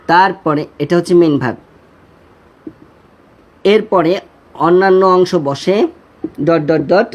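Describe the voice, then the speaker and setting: A man's voice: on the high side, a little mellow. Bengali-accented male teacher drilling English. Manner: repetitive, drills pronunciation slowly, addresses students directly. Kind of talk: online class lecture.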